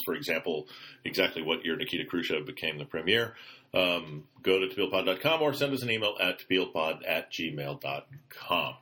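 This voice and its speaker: A man with a deep, bright, forceful voice reads the week's news for a podcast. He talks into a computer mic with loose, chatty asides and stops to fix his own slips. The delivery is casual rather than polished. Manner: chatty asides, self-corrects with ums.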